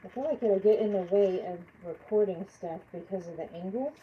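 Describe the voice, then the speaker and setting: A woman's voice: mid-range voice, brisk, breathy edge, lo-fi sound. A woman chatting casually during a live craft stream, congested from allergies, thinking aloud and answering viewers by name. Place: home craft workspace.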